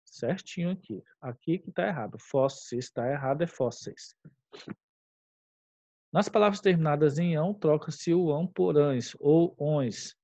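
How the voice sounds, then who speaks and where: A Brazilian Portuguese-accented teacher, his voice slightly high and mellow, works through a grammar exercise at a normal pace with few pauses, explaining as he goes and checking on the class with "tá?" and "tudo bem?". The lo-fi recording sounds dull but has no echo.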